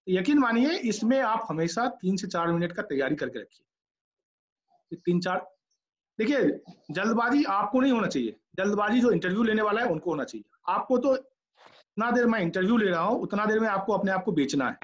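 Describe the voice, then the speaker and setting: Brief: middle-aged male lecturer, high voice, direct coaching tone, muffled classroom recording. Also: lively intonation, a little fast. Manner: direct, coaching, acts out candidate answers. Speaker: lecturer giving interview tips. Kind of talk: classroom lecture in Hindi mixed with English. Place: classroom with students.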